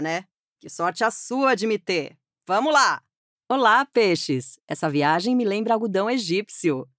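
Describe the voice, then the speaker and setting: A woman's voice: mid-range voice, fairly bright tone, no echo, studio quality. A woman delivering scripted, playful GPS directions in a teasing, flirty, upbeat way. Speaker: playful navigation voice.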